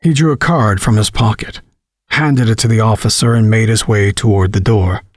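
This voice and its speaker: A man narrates a horror story in a measured, dramatic reading. His voice sits low and sounds husky. It is recorded dry on a close mic, with no room sound. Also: no echo.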